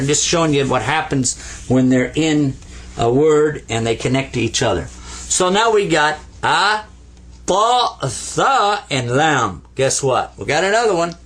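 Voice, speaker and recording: Lively older man teaching letters. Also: mid-range voice, breathy edge. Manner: lively, playful, coaxing learners to repeat sounds. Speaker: Arabic teacher. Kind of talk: classroom letter lesson at a board.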